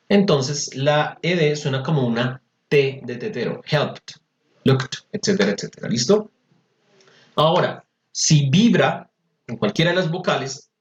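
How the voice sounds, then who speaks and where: A man teaches pronunciation over a video call, patient and chatty. He repeats words to drill them. His sound is roomy and slightly dull. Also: mid-range voice. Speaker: English teacher. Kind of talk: online class explaining pronunciation. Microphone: computer mic on a video call.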